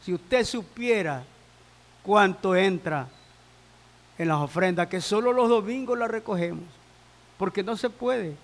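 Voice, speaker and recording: A man's voice: sits high, measured pace, pauses often. A male pastor preaching a sermon to his congregation, with repetition and rhetorical questions. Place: church sanctuary. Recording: long reverb in a church hall.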